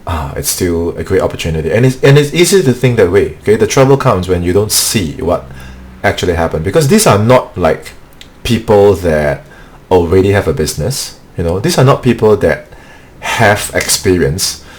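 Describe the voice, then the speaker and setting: A deep-voiced sales trainer from Singapore, whose first language isn't English, hosts a weekly motivational live-stream training. He speaks expressively at normal speed, earnest and repetitive, sprinkling "okay" throughout.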